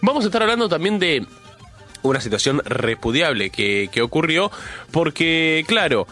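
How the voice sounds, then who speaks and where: Soft background music accompanies a radio host in the studio who kicks off his show chatting away with a Rioplatense Spanish accent despite a cold that leaves him congested. His fairly high, bright, forceful voice is very animated at a normal pace, and he lingers on words to stress them.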